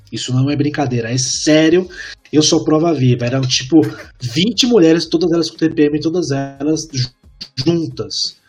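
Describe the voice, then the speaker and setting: A man, telling a work story in a casual podcast chat and acting out the dialogue with animated energy. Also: mid-range voice, husky. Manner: animated, acts out quoted dialogue. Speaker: podcast co-host.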